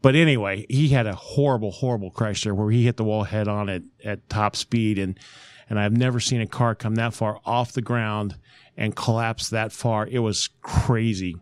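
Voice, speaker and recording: A man co-hosting a casual sports podcast, rambling with many restarts and pauses to recall names. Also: lowish voice, fairly even intonation, clear, resonant tone, dry recording. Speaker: podcast co-host.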